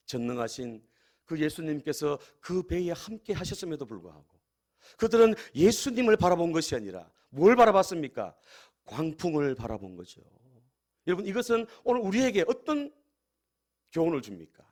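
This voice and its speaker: A male pastor delivers a sermon with a lively, swinging voice that sits a little high. He keeps turning to the congregation with rhetorical questions. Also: normal speed. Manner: addresses the congregation often, asks rhetorical questions.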